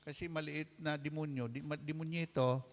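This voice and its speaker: A man giving a sermon as a lay preacher, preaching with animated call-and-response asides and acting out the anecdotes he tells. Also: a little high, moderate pace, big-room sound.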